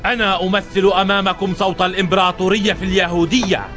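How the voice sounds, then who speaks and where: An actor playing a stern, scornful Roman officer, proclaiming to townsfolk like a herald in a dubbed historical drama. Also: male voice, high voice, steady tone, fast talker. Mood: solemn, official. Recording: loud music and crowd behind.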